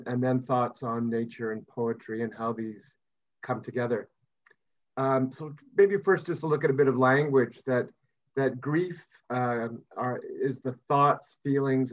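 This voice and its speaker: A man's voice: mid-range voice, dull audio. A middle-aged man, a psychiatry professor and psychotherapist, giving a reflective remote talk over a video call, often restarting his phrases with small fillers. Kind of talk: remote talk to an online audience.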